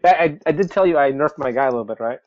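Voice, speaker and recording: A man's voice: a little high, expressive, racing, dull audio, heavy background noise. A man chatting casually as a player in a tabletop game. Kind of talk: casual chat.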